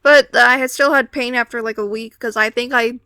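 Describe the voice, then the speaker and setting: A woman's voice: on the high side, steady tone, normal speed, pushed and bright, clean tone, no echo. A teenage girl telling a personal story casually, with wry, exasperated complaints and acted-out quotes.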